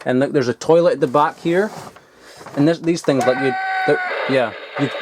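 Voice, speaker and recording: Indoors in his loft at home, a young man vlogs a casual show-and-tell of old toys, swearing and full of enthusiasm. He speaks in a mid-range voice at normal speed, with background noise present.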